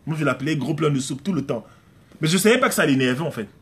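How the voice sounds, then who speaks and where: A pastor gives a conversational live-streamed sermon in an informal style, talking as if to a single listener. His voice sits a touch high for a man and is expressive, fast and a bit bright. He's emphatic and repetitive and slips into acted-out prayers and exchanges.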